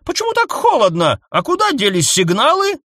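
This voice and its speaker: A shrill, bossy old robot cart woman, as a male narrator puts her on, talking through raspy old speakers. Her voice sits very high and swoops all over, bright and sharp, in a dry close recording. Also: huge pitch swings, a little fast, dry recording, full character voice. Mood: scolding. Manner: shrill, scolding, shouting.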